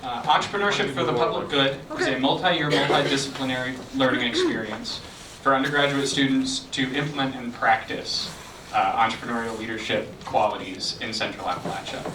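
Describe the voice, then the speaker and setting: A man's voice: medium pitch, brisk, crowd noise. A man acting as event organizer, opening a presentation evening with friendly announcements and many fillers in a lecture room. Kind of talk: event introduction. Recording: echoey room, mic from a distance.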